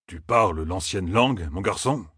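A man's voice: deep voice, lively intonation, normal speed, a bit bright, breathy edge, no room sound, clean studio sound, heavily acted. A man reading aloud and voicing a commanding veteran weapons master.

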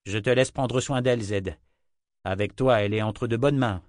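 A man's voice: fairly low pitch, normal speed, a little mellow, dry recording, studio quality, lightly acted. A man voicing a resolute young hero.

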